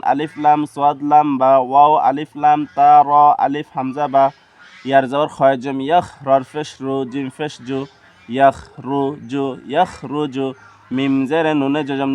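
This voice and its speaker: A man's voice: mid-range voice, a little mellow, clear, resonant tone. A man teaching Quran reading, spelling out letters and syllables one by one in a rhythmic, repetitive drill with a Bangladeshi Bengali accent.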